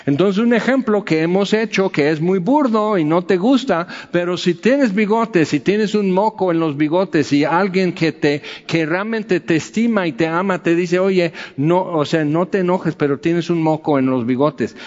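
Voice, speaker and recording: Conversational preacher in a reverberant hall. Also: male voice, a little high. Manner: conversational, joking, with many fillers. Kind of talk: casual Bible teaching. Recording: dull sound with long reverb.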